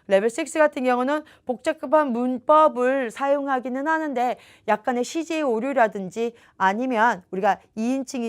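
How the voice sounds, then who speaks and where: Female instructor, higher voice, explanatory lecture delivery, repeats key points. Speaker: English test prep instructor.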